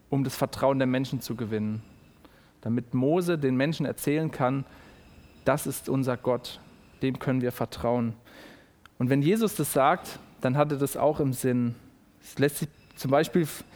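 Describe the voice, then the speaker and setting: A man delivering a sermon in a fairly high voice. He explains patiently and repeats his key phrases to drive them home. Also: a little mellow. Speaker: preacher.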